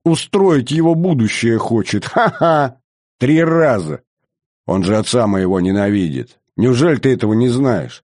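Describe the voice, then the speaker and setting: A man's voice: medium pitch, expressive, a little slow, a little mellow, no room sound, studio quality, pitched above the performer's own voice, close to an everyday voice. A man voicing a young prince who coldly and mockingly accuses his grandmother. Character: young prince, cold, scornful and hateful. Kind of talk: audiobook character voice.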